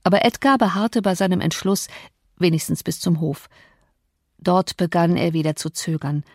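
A woman narrating an audiobook, with a measured, expressive delivery at a middle pitch. She sits close to the mic in a dry, dead room. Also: dry recording. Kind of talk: scripted narration.

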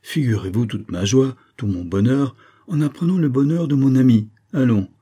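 A man reading aloud voices an effusive, flattering middle-aged army major with a theatrical, gushing manner. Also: medium pitch, moderate pace, husky, voice pushed up, natural voice. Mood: jovial.

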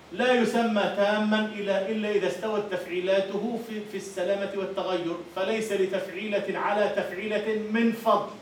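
A man's voice: high-pitched, slight background noise. A man with an Egyptian accent giving a university lecture on Arabic prosody, quizzing his students and repeating their answers. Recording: echoey lecture hall, far from the mic.

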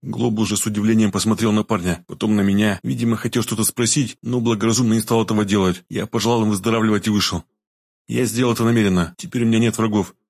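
A man reading a first-person audiobook narration in a calm, matter-of-fact way. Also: fairly low pitch, fast talker, vocal fry, no room sound, clean studio sound.

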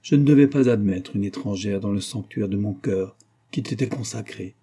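A man's voice: lowish voice, moderate pace, mellow, slightly rough. A man playing Dournov, an anguished father. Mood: anguished bitter. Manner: impassioned, anguished. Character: grieving middle-aged father, bitter and despairing.

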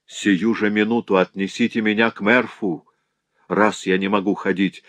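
A man's voice: on the low side, fairly even intonation, moderate pace, dry recording, natural voice. A man reading an audiobook, voicing a noble young prince who speaks urgently and demands to be obeyed. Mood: anxious commanding.

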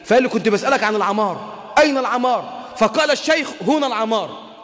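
A man's voice: extremely high pitch, lively intonation, very fast, a bit bright, big-room sound. A man with an Egyptian accent preaching a sermon. He tells stories in colloquial speech and moves into raised, emotional recitation. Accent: Egyptian Arabic. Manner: emotional, shifts between colloquial storytelling and lofty recitation. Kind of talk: Islamic sermon with storytelling.

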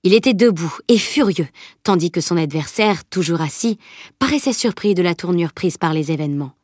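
Low-voiced woman reading a story aloud. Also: a little fast, dry recording, clean studio sound. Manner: steady storytelling. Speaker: audiobook narrator. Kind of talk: scripted narration.

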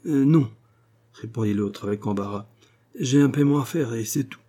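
A man's voice: mid-range voice, brisk, dark tone, close to an everyday voice. A man voicing an honest, timid old head clerk in an audiobook, speaking in a trembling, wounded way. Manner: trembling, embarrassed, then indignant. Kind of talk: audiobook character reading.

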